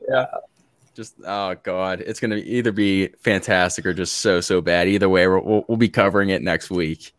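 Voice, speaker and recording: A man's voice: sits low, fairly even intonation, normal speed, no echo. A man hosting a podcast, easygoing and full of fillers as he steers the chat between segments. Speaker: podcast host.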